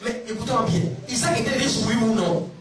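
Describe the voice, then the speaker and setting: A man's voice: extremely high pitch, a little fast. A middle-aged male pastor preaching emphatically, firing questions at the congregation and sometimes slipping into a sing-song delivery. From Ivory Coast. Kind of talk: sermon. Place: large church hall. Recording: echoey, distant church sound with music. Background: music.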